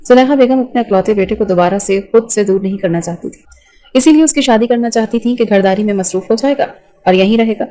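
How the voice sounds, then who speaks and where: A woman narrating a romance novel with an even, storytelling delivery. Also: medium pitch, low-quality recording.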